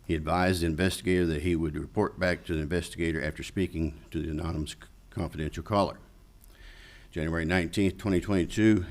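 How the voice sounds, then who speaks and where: A man reading a report aloud as a citizen commenter at a council meeting. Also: deep voice.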